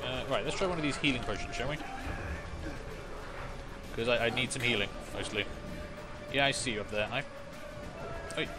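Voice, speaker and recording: A man's voice: mid-range voice, normal speed, pauses often. A man giving casual gameplay commentary while he plays. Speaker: let's play host. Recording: loud game music and sound effects behind. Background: loud game music and combat sounds.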